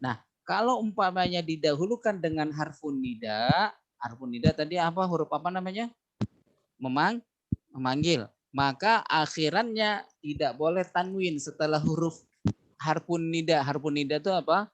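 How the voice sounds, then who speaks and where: A man's voice: on the high side, lively intonation, moderate pace. A man with an Indonesian accent teaching an Arabic class online, patiently drilling words and stretching out each example.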